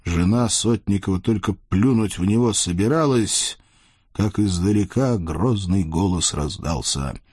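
A man narrating a folk tale in a lively, sing-song storytelling manner. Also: deep voice, measured pace, slightly rough, no room sound, studio quality.

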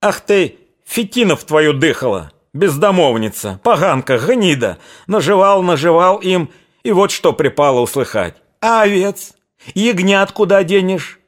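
A man voicing a hot-tempered old Cossack father who yells and curses in a raised, strained voice. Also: high-pitched, big pitch swings, measured pace, pitched above the performer's own voice. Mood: furious. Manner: furious yelling, cursing.

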